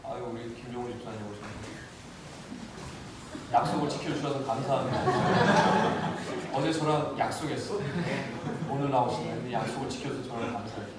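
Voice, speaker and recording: A male pastor preaching an animated sermon, acting out the voices of the people and of God, recorded from a distance in a church. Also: mid-range voice, moderate pace, long pauses, over a noisy crowd. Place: church sanctuary. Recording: very echoey church hall, mic from a distance, faint noise.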